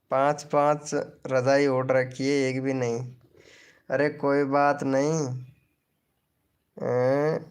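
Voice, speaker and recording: A man's voice: on the high side, a little mellow, smooth. A man hosting a live stream in casual chat, teasing viewers and reading their comments aloud. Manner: slow, teasing, chatty banter with viewers.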